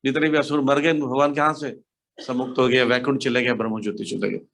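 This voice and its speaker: Guy teaching scripture over a mic, big cave echo on his voice, middle pitch, keeps asking if you follow. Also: flat delivery, a little fast, a bit bright. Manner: explaining, checks if listeners follow. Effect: heavy echo, like in a cave. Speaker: devotional speaker. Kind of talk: scripture class, online. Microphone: speaks into a mic for an online class. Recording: echoey room sound.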